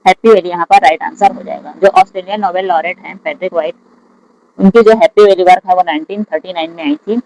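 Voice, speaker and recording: An exam prep teacher who reads each English question aloud slowly and then explains the answer in Hindi. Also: mid-range voice, expressive, vocal fry, a little mellow, rough recording. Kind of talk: lecture solving exam questions.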